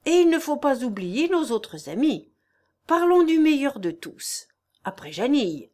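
A woman's voice: high voice, big pitch swings, a little slow, pitched above the performer's own voice. Woman reading as a jovial old lord. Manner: jovial, warm-hearted. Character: cheerful elderly lord of a manor, contented.

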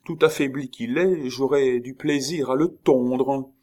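A man voicing a scheming duchess with a sharp, imperious tone. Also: mid-range voice, steady tone, a little slow, pitched above the performer's own voice, close to an everyday voice. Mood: spiteful.

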